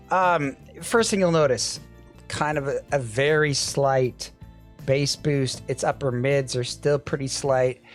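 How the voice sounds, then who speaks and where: A man giving a casual, wry product review with frequent restarts. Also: medium pitch. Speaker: audio gear reviewer.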